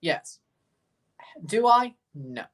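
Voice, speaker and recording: A Southern-accented man from Mississippi hosts a livestream, reacting to a match and answering viewer comments in a relaxed, rambling chat. His voice is fairly high with big swings in pitch, he speaks extremely slowly, and the mic sits far from him.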